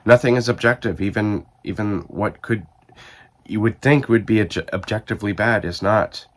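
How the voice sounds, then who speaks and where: A man with a cold, his voice rough and stuffed up, chatting casually to camera about reading and rambling as he thinks aloud with many restarts. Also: fairly low pitch, normal speed. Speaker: book video host.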